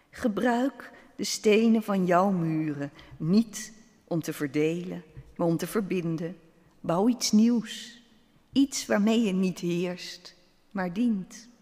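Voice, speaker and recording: Storybook pebble, gentle and wise, soft-spoken, slow, played by a man, hall reverb. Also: high-pitched. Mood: calm, gentle. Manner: soft, calm, quietly persuasive.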